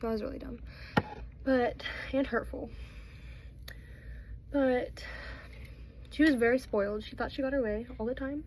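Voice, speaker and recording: A woman's voice: fairly high pitch, fairly even intonation, measured pace, long pauses, darkish tone, a little hiss or hum, poor audio. A teenage girl chatting casually through a storytime while doing her makeup, rambling with lots of fillers and restarts. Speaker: vlogger.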